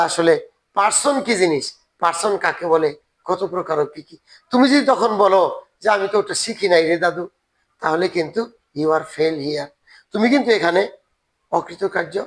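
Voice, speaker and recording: A man's voice: sits high, a bit bright, rough recording. A man teaching a grammar lesson on video, earnestly urging his students and repeating words for emphasis. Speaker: English teacher.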